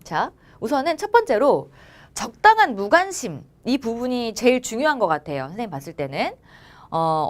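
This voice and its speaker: Lively, coaxing woman lecturing exam students. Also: a little high. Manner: coaxing, often asks "알겠죠?" and acts out students' and teachers' lines. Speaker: academy teacher.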